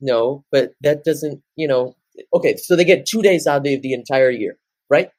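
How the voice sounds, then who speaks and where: A man in his late teens co-hosting a podcast, rambling through animated casual chat. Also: medium pitch, normal speed, dry recording. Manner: rambling, animated, jumps into loud off-key singing. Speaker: podcast co-host.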